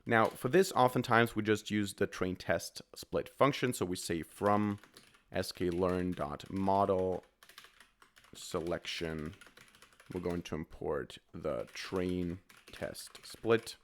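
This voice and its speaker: A man's voice: deep voice, takes it slowly, a little hiss or hum. A man with a cold, his voice a bit off, explaining step by step as he types code in a programming tutorial. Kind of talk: screen-recorded coding tutorial.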